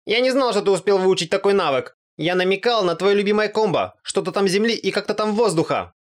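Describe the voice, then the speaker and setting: A man voicing a whiny, flustered young goddess girl in an audiobook, in a shrill, panicky falsetto. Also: animated, brisk. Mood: panicked.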